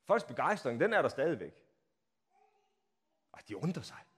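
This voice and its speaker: A man delivers a sermon as vivid storytelling, his somewhat high voice leaping up and down in pitch. He drops to near hushes and then rises to loud, acted-out crowd cries. Rhetorical questions pull the listeners into the scene. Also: very animated, slightly rough. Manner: dramatic storytelling, acts out crowd shouts. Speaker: pastor. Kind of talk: Palm Sunday sermon.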